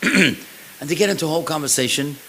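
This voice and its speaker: Male rabbi lecturer, gravelly, animated storyteller, faint hiss behind. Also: a little high, fairly quick, low-quality recording. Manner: animated storyteller, acts out the people in his stories. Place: synagogue event hall.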